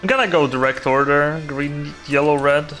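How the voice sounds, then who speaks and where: A man's voice: on the high side, moderate pace, fairly bright tone, faint music behind. A man from Russia with a Russian accent, a streamer giving casual, swearing gameplay commentary. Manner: swearing offhand remarks.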